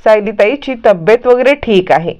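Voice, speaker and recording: A woman's voice: medium pitch, animated, normal speed, a little mellow, close to an everyday voice. A woman voicing a patient grown woman. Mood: questioning. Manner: explaining patiently to a child. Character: knowing adult woman explaining things to a boy. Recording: muffled lo-fi recording.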